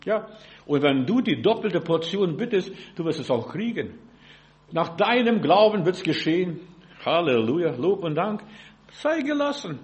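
Higher-voiced man preaching informally. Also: animated, normal speed, dull audio. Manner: informal, addresses listeners as du, keeps asking "verstehst du?" and saying "ja". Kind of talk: sermon.

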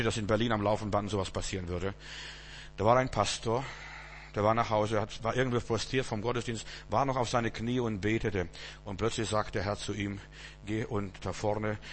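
A man preaching a sermon, swinging between loud emphatic bursts and low quiet asides. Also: in a large hall.

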